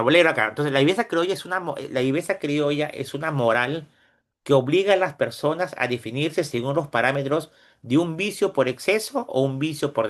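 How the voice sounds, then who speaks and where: A middle-aged Peruvian man giving a conversational university lecture, often tagging his points with questions to his students. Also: on the high side. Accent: Peruvian Spanish. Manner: conversational, frequent tag questions; retells anecdotes with quoted voices. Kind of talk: classroom lecture.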